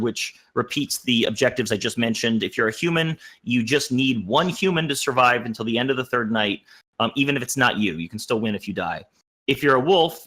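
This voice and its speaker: Bright-voiced man explaining rules. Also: medium pitch. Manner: hesitant, with many restarts and ums. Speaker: game designer. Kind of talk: explaining game rules to players.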